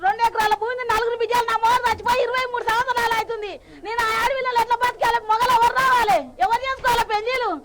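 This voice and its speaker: A woman's voice: very high-pitched, flat delivery, rapid-fire, a crowd in the background. Pleading widowed farm woman. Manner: pleading, demanding justice. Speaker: protesting farmer, widow. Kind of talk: emotional protest outcry. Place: outdoor highway protest. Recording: loud background noise.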